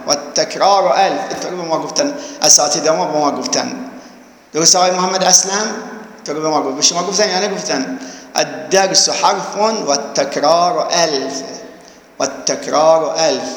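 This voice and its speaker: A male teacher giving a classroom grammar lesson. He drills each verb form slowly, repeating it, and keeps asking the students whether they are following. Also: on the high side, vocal fry, reverberant, long reverb tail, low-quality recording. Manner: coaxing, checks students follow.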